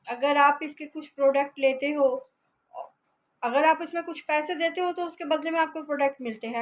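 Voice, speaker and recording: Woman motivational speaker, high voice, earnest and coaxing, plain chatty delivery. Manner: earnest, persuasive, tells a fable. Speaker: network marketing motivational speaker. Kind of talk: casual motivational talk.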